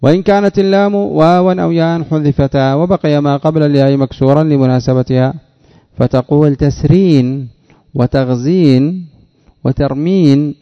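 A man teaching a grammar lesson, asking questions and answering them himself and repeating key words slowly. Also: mid-range voice, vocal fry. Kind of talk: Arabic grammar lesson explaining a text. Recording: dull lo-fi recording.

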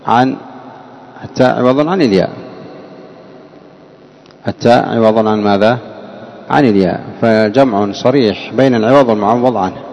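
Man teaching grammar class, low voice, asks then repeats answers, long hall echo. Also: darkish tone. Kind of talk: classroom lesson on a grammar text.

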